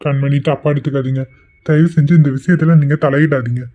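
A man's voice: a little high, fairly even intonation, fairly quick, narrow, tinny audio, close to an everyday voice. A man voicing a weary young man in a cartoon, resigned and pleading to be left alone.

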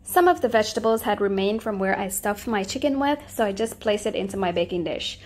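A woman's voice: mid-range voice, expressive, fairly quick. Friendly woman narrating a cooking recipe. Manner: friendly step-by-step instructions. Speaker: cooking channel host.

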